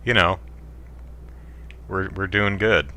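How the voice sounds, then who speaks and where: A man hosting a let's play, riffing wryly on the game and reading out viewer chat. His voice sits a bit low but has a sharp, very bright edge. The delivery is loose, casual commentary. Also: fairly even intonation, takes it slowly. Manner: wry, joking, reads viewer comments aloud.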